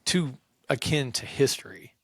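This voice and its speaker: A man in a casual Bible discussion who presses his points with conviction. His voice is mid-pitched and conversational. The recording is close and dry. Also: animated, measured pace, dry recording. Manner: emphatic, argues points with conviction. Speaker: podcast co-host.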